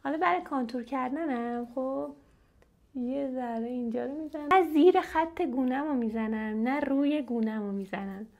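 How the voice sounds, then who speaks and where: A young Iranian woman, a beauty vlogger, sits at home in front of the camera testing makeup and chatting casually to her viewers in a makeup unboxing. She's talkative and animated, speaking straight to her audience. Her voice is high, and the recording sounds muffled.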